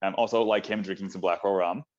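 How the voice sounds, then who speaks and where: A man's voice: deep voice, fairly even intonation, fast. A man co-hosting a casual film chat, talking enthusiastically and rambling with lots of fillers. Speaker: podcast co-host. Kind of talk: casual chat about films. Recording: dull lo-fi audio.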